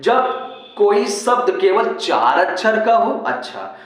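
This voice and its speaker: A man's voice: high voice, very animated. Man teaching in a very echoey room. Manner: explains rules slowly, repeating and checking understanding. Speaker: English teacher. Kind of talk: classroom-style pronunciation lesson.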